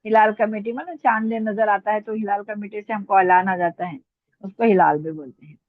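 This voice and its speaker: A woman's voice: mid-range voice, fairly even intonation, normal speed, dry recording. A woman teaching an online Urdu vocabulary class, patiently repeating words and asking her students questions. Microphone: online class call. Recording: tinny phone-line audio, dry.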